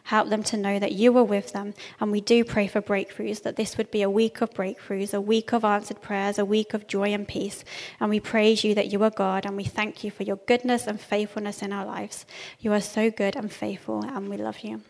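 Woman, calm, gentle, earnest, even intonation, devotional church speaking, long reverberant hall. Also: mid-range voice, normal speed, vocal fry. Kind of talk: reciting a devotional poem and praying aloud. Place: large church room.

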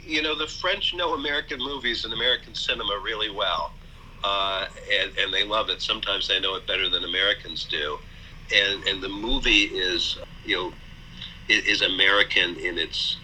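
A man with a low voice and a very bright, forceful tone, talking as a guest in an interview. He speaks in a measured, hesitant way, full of pauses and fillers. A faint hiss sits under the recording. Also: low-quality recording. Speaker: author and college president, guest. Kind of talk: thoughtful interview talk.

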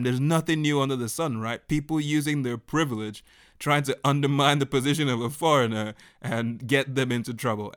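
A man preaching a sermon as a story, animated, laughing often and breaking into shouts. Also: on the high side, clear, resonant tone.

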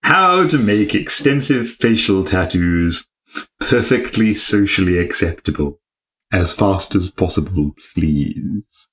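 A man hosting a casual comedy podcast, reading out listener questions with dry, deadpan humor. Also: deep voice, takes it slowly.

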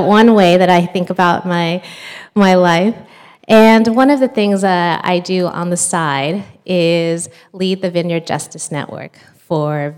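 A woman in her thirties from the United States, a pastor, shares her personal faith testimony in a church-talk setting. She speaks in a chatty, storytelling way with fillers and small laughs, her medium-pitched voice a little mellow.

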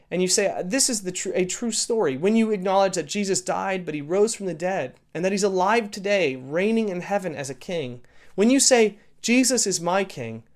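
A man preaching a sermon, from Canada, telling stories with rising energy and loud acted quotes. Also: high-pitched. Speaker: pastor.

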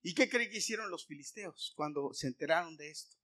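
A man preaching a sermon, retelling a Bible story in a lively way and putting questions to his listeners. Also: a little high, fairly quick. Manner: animated, asks the listeners questions.

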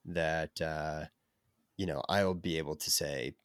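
Hoarse young male runner guest; very low, dry, reflective and earnest. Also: fairly even intonation, takes it slowly, fairly bright tone, dry recording. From United States. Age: young adult. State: hoarse and sick with covid. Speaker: podcast guest, endurance runner. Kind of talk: casual interview chat.

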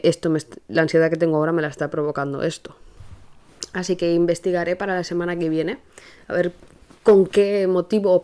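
A young woman with a Spain Spanish accent hosts her own podcast, speaking in a slightly low voice. She tells anecdotes in an animated, chatty way, stumbling and restarting as she goes. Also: smooth. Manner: animated, rushes and restarts while telling an anecdote. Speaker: podcast host. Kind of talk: casual storytelling monologue.

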